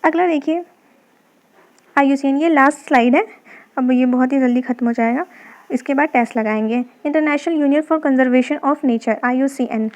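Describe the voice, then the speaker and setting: A woman's voice: sits high, moderate pace, a little mellow. A woman teaching an exam-prep lesson, explaining memory tricks patiently and answering her own questions. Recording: dull lo-fi recording.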